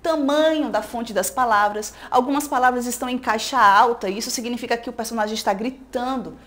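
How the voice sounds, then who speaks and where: A woman's voice: fairly high pitch, fairly quick, a bit bright. A Brazilian woman teacher giving a recorded school lesson, explaining step by step and checking in with "né?" and "tá?". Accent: Brazilian Portuguese.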